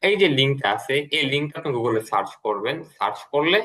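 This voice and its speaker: A male English teacher works through a lesson with a bright, clear voice and a middle pitch. He is patient and explains step by step, repeating each key word slowly. It sounds like an online class with his screen shared. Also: expressive.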